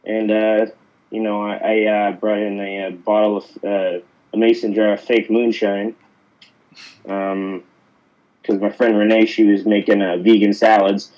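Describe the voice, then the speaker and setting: A man's voice: lowish voice, level tone, measured pace, darkish tone, lo-fi sound. A man from Pittsburgh, an actor, telling stories in a casual interview, rambling with lots of fillers and restarts. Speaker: actor guest.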